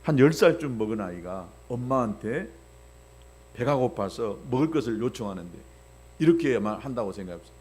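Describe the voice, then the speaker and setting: A man's voice: mid-range voice, a little fast, breathy edge. A male pastor delivering a sermon. He asks the congregation rhetorical questions and acts out little voices along the way. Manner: animated preaching with rhetorical questions, acting out voices.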